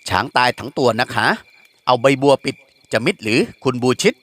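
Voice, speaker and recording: A sharp-tongued young princess, exiled and proud, who needles and teases with quiet scorn, as a man voices her. The voice sits at an everyday middle pitch and sounds close and dry, with no room behind it. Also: normal speed, no room sound, close to an everyday voice. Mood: needling. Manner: teasing, mocking.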